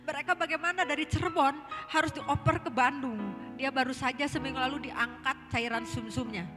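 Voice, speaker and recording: A woman's voice: high voice, steady tone, a little fast. A middle-aged woman with a Sundanese accent, telling her personal testimony in church and often addressing the listeners directly. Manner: storytelling, keeps addressing listeners as brothers and sisters. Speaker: church member giving testimony. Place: church hall. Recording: echoey hall with guitar music behind.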